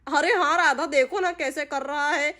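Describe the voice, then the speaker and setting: A woman's voice: high voice, moderate pace, bright, forceful tone. A woman voicing a bumbling middle-aged father in a doll story, begging forgiveness and groaning about his back. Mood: boastful. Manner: pleading, groaning comic complaints. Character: bumbling middle-aged dad, sheepish and comic. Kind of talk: Hindi doll-story role-play.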